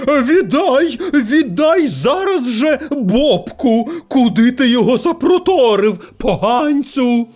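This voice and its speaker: A shrieking woman who screeches to get her dog back, as a male reader puts her on. Her voice is high and swings sharply up and down. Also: big pitch swings, slow pace, a little mellow, full character voice.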